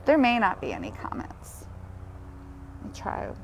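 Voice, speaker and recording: A woman's voice: medium pitch, huge pitch swings, a little slow, gravelly, noisy background. A woman hosting a live-streamed grief healing session outdoors while walking, talking in a heartfelt, chatty way and often breaking into laughter. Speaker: grief support host.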